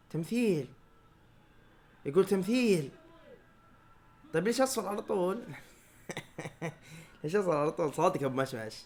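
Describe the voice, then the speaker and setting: Saudi male fan-streamer, excitable reaction commentary, high and lively, rapid delivery. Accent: Saudi Arabic. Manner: excitable, shouts at players and referee, frequent laughter. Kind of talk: live match reaction commentary.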